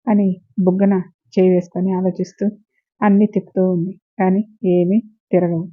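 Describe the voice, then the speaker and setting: A woman hosting a story channel and narrating a story in a steady, flat tone. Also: medium pitch, moderate pace. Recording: tinny phone-like sound.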